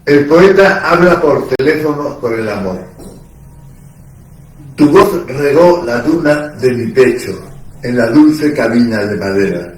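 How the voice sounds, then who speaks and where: A man reciting a poem at a bookshop recital in a slow, measured declamation. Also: mid-range voice, expressive. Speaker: reciting poet. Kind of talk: poetry recital. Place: bookshop event room. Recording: echoey room, distant mic.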